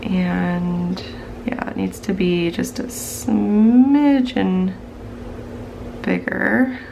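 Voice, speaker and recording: A woman congested from the flu chats casually in a stuffed-up, creaky voice of medium pitch as she plans on her tablet and thinks aloud. She hosts a planning channel and speaks extremely slowly with fairly even intonation, and there is background noise.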